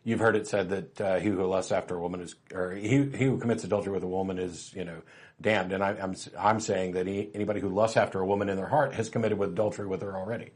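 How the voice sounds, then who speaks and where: A man hosting a call-in show, telling stories in a wry, relaxed way with plenty of fillers, turning emphatic when he argues a point. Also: sits low, fast talker. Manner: grows emphatic and lively when arguing. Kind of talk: casual call-in talk.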